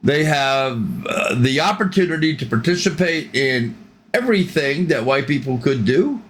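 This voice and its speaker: A man's voice: mid-range voice, lively intonation, moderate pace, slight background noise. An older man hosting a reaction channel, giving rambling, opinionated commentary with frequent ums.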